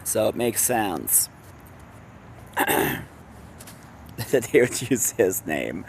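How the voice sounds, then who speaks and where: A man's voice: on the low side, sing-song, extremely slow, vocal fry, a little hiss or hum. A man casually reading a fantasy novel aloud, stumbling over words and breaking off into rambling asides with laughs. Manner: breaks off with laughs and personal tangents; stumbles and self-corrects while reading.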